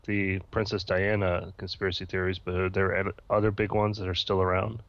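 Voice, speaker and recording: Very deep-voiced, teasing man. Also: level tone, fairly quick, fairly bright tone, no room sound. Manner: dry, teasing, short remarks. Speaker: co-host. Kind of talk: casual chat with call-ins. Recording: dull lo-fi call audio.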